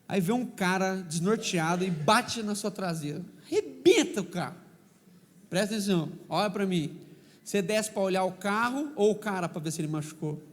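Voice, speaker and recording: Male pastor, São Paulo accent, high-pitched, humorous storyteller, reverberant hall recording. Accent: São Paulo Brazilian Portuguese. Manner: humorous, animated, questions the congregation. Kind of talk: lively preaching with stories. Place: church hall.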